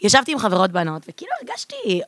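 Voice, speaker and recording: A woman's voice: medium pitch, wildly swooping pitch, a bit bright, no echo. Candid woman, dry sound. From Israel and United States. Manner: candid, slangy, mixing in English words. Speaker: podcast guest. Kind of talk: casual chat.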